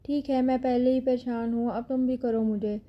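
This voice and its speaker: A woman's voice: fairly high pitch, fairly even intonation, lightly acted. Woman doing tired worried dad, snappy, lo-fi sound. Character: worried middle-aged father.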